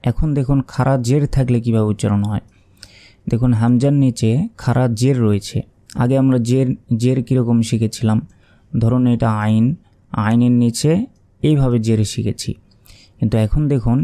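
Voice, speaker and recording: Man, Bangladeshi Bengali accent, Quran teacher, patient drilling, mellow voice. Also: mid-range voice. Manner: patient, repeats each letter sound slowly. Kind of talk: step-by-step recitation lesson.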